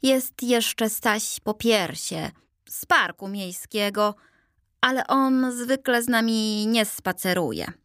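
A slow, kindly old gentleman statue from a storybook, as a woman reads him, calm and wise. He drawls his old-fashioned words gently in a close, dry sound. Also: fairly high pitch, no room sound.

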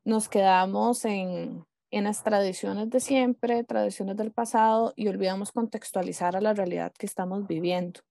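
A woman moderating a panel discussion, courteous and measured. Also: medium pitch, steady tone, vocal fry, warm tone, dry recording, clean studio sound.

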